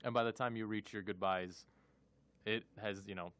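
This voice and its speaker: A man with a slightly low voice co-hosting a casual radio chat. He asks curious questions and slips jokes into the conversation. His delivery is relaxed and conversational. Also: moderate pace. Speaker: co-host asking questions.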